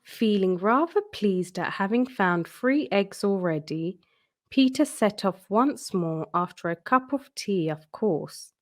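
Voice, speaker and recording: A woman reads a children's storybook aloud, telling the story in an expressive, deliberate way with a mid-range voice.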